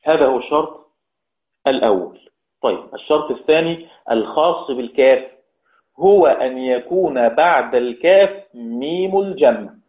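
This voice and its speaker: A man teaching a religious lesson on Quran recitation. He explains step by step, repeats key words and draws out the example words slowly. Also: mid-range voice, lively intonation. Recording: tinny phone-like sound in an echoey room.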